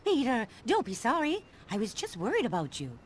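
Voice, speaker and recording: A woman's voice: on the high side, wildly swooping pitch, fairly quick, a little hiss or hum. A woman playing a kindly, anxious elderly aunt in a video game cutscene. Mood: gentle, concerned.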